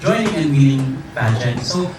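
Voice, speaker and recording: A man's voice: medium pitch, very animated, normal speed. A man from the Philippines, speaking earnestly at a press conference and leaning on "actually" and "you know". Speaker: pageant franchise holder. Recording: echoey hall, distant mic, crowd noise.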